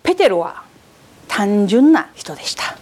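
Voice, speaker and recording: A woman preacher giving a sermon in an animated way, often asking the audience questions. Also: medium pitch, unhurried, husky.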